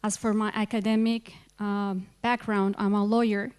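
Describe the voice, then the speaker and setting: A woman introduces herself to a panel in careful, pausing English. Her voice is smooth and clear and stays fairly level. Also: medium pitch, flat delivery, darkish tone. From Colombia. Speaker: panel member, lawyer. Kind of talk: formal self-introduction at a ministerial meeting.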